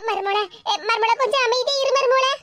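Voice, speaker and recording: Cartoon mom, played by a woman: very high, quick, worried peacemaker with a Tirunelveli accent. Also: pushed and bright, no echo. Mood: pleading. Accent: Tirunelveli Tamil. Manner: pleading, soothing, fretful asides. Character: fussy older mother, peacemaking, worried. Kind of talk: cartoon voice acting.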